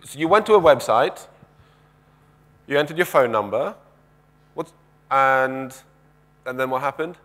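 The keynote speaker, a man in his thirties, talks a little slowly and pauses often, his mid-range voice slightly bright. Wearing a headset mic on a big conference stage, he paces and gestures, asks the audience questions in a conversational way, and frequently restarts sentences.

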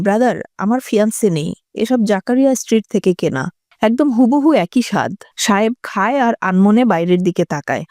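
A woman giving a scripted narration of a textbook story in a steady, even reading voice. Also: on the high side, dry recording, clean studio sound.

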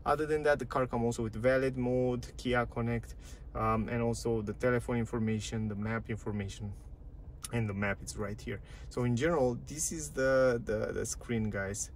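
A man reviewing cars gives a casual walkthrough of a parked car's dashboard and touchscreen menus, chatting and repeating phrases with non-native grammar. His mid-range voice has fairly even intonation and normal speed, over slight background noise.

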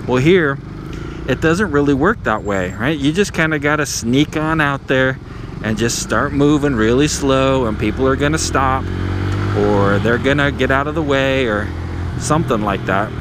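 A motovlogger with a mid-range voice rides his motorbike through city traffic, giving casual how-to narration at a normal speed. He's easygoing and chatty, tossing in plenty of "right?" tags. His helmet or handlebar action camera picks up street and engine noise behind him.

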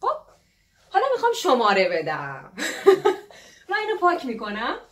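A woman teaching English numbers in a casual, playful way, laughing often and repeating words slowly to model pronunciation. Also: fairly high pitch, huge pitch swings, fairly bright tone, echoey room. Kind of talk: casual spoken lesson.

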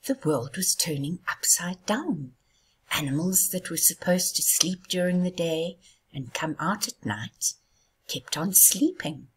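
A woman reading a children's story aloud in a soft, hushed, half-whispered way. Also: fairly low pitch, husky. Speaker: storybook reader.

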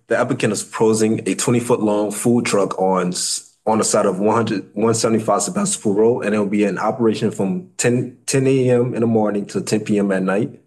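An American man in his thirties with a fairly low voice presents a project formally at a public meeting. He speaks as a city planner, haltingly, repeating and correcting words as he goes. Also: fairly even intonation, darkish tone. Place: indoor meeting room at a table.

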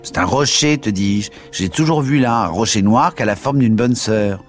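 A man's voice: low-pitched, animated, fast talker, music in the background. A man reading the lines of a stubborn, blunt common soldier in an audiobook, insistent.

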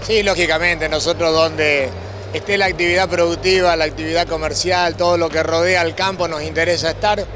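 High-pitched Argentine man in his sixties. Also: fairly even intonation, fairly quick, noisy background. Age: 60s. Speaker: interviewee, agricultural cooperative representative. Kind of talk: on-camera interview. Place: indoor exhibition hall at a farm show. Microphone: handheld microphone held by the interviewer. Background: music.

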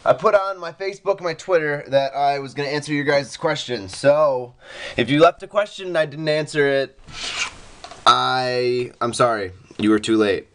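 A man's voice: mid-range voice, a bit bright. Rambling young-sounding male vlogger. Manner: rambling, heavy on "like" fillers. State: just woken up. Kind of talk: casual daily vlog chat.

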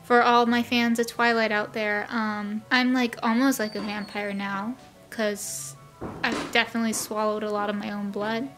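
A woman's voice: medium pitch, level tone, moderate pace, fairly bright tone, soft background music. A young woman giving a casual, matter-of-fact vlog recap in a rambling way, recorded indoors in a bedroom. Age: young adult.

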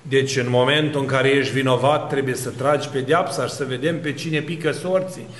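A man, an Orthodox priest, preaching a sermon with lively rhetorical questions and long spoken lists. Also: mid-range voice, roomy sound, slight background noise.

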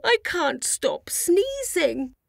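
A woman voicing Stomp, a young male cartoon elephant with a cold, speaking in a high, bouncy voice. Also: very animated, very slow, vocal fry, dry recording, clean studio sound, full character voice. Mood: miserable. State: sniffly with a cold.

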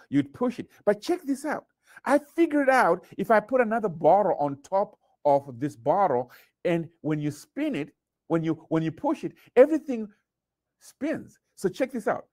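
A middle-aged man from Zimbabwe tells children a story in a very lively, sing-song way, jumping high for sound effects and dropping low for asides. The sound is close and dry, recorded in a small studio at a table. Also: moderate pace, no room sound. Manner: animated, playful sound effects, big pitch swings. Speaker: artist and youth presenter. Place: studio with painted backdrop.

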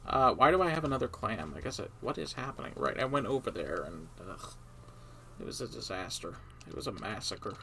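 A man's voice: on the low side, big pitch swings, brisk, fairly bright tone, a little hiss or hum. A man streaming a video game, grumbling sarcastically and talking to himself and the characters as he plays. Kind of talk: casual gameplay commentary.

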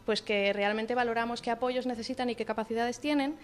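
A woman's voice: on the high side, fairly even intonation, fast talker. A woman with a Spanish accent, explaining her association's work to a radio reporter, with frequent fillers. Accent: Spanish from Spain. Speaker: association social worker. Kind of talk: explaining during a radio visit.

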